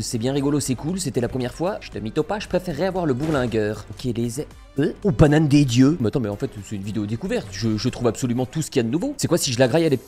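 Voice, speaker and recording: A man's voice: medium pitch, a little mellow. A young man commentating his gameplay in a casual, slangy way, chatting and joking with viewers. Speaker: gaming YouTuber.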